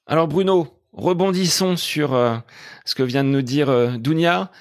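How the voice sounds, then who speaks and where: A man's voice: a little high, measured pace, no echo, studio quality. A man hosting a running podcast, asking formal, structured questions. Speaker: podcast host. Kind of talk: podcast interview.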